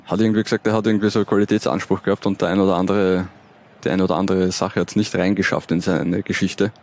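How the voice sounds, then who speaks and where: A male podcast co-host with a lowish, gravelly voice. He chats casually and hesitantly, pausing on fillers as he goes. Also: flat delivery, darkish tone. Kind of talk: casual chat.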